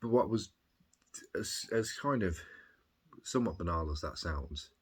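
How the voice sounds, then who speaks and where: A man with a Birmingham accent talking casually and reflectively in a video diary, husky, rambling and hesitant as he thinks things through. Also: low voice, animated, measured pace. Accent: Birmingham English. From Birmingham, England. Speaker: video diarist. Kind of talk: casual reflective chat, recounting.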